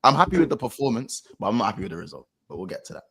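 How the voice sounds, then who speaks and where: A man's voice: mid-range voice, sing-song, rapid-fire, gravelly, fairly bright tone, breathy edge. A man with a London accent chatting and telling stories casually on a football fan panel, repeating phrases for emphasis. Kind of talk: casual chat, storytelling.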